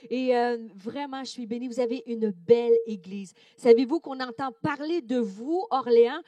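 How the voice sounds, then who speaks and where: A woman with a Québécois accent, a guest preacher giving a sermon, animated and playful with many hesitations. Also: on the high side, normal speed, dry recording. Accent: Québécois French. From Quebec, Canada.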